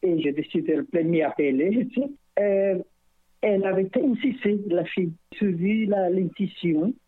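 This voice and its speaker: A middle-aged woman singer-songwriter with a foreign accent in French appears as a radio guest, talking casually and rambling with many hesitations. Her mid-range voice moves at a moderate pace; the recording is dry with a tinny phone-line sound.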